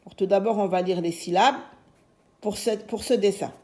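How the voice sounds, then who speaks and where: A woman's voice: medium pitch, normal speed, a little mellow. A woman teaching young children to read, patiently spelling out letters and syllables. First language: Arabic. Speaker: primary school teacher. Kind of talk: slow, clear phonics lesson for young children.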